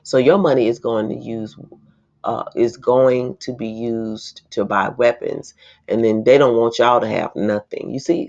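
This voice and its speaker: A woman's voice: extremely low pitch, creaky, dark tone. A woman reading an article aloud and breaking off into indignant, emphatic commentary. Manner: indignant, emphatic asides between read passages. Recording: slightly dull, lo-fi recording.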